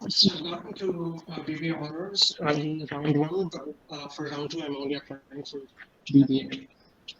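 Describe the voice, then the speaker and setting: A man's voice: on the high side, fairly even intonation, moderate pace, a loud crowd. Young man on a muffled video call. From Switzerland. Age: young adult. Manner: polished, rehearsed self-introduction, hesitant on questions. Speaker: admission candidate. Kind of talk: online group interview. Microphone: computer microphone on a video call.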